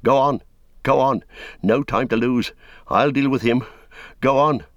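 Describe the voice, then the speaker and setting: A man reading aloud, voicing a loyal young male hobbit servant who shouts urgent warnings in a breathless, raised voice. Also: mid-range voice, unhurried, no room sound, studio quality, voice pushed up, lightly acted. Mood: urgent shouting.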